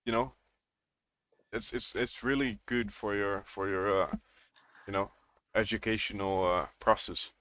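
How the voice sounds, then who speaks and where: A man's voice: fairly low pitch, fairly even intonation, unhurried, pauses often, a bit bright. A man hosting a live trading stream, chatting casually with callers and saying "you know" a lot. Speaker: livestream host. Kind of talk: casual chat.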